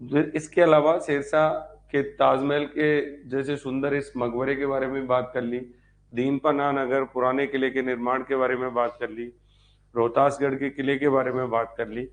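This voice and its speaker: Over a low-quality recording, a male teacher runs a live online class preparing students for a history exam. His medium-pitched voice is level and moderately paced as he goes over points again, tests the class and chats with them.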